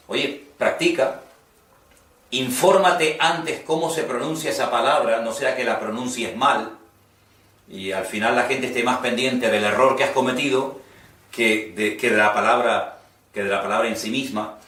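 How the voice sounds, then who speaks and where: A man's voice: medium pitch, fairly bright tone. A man, a pastor teaching a class on preaching in an earnest, conversational manner that repeats its points. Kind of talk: homiletics class lecture. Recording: echoey room, voice from a distance.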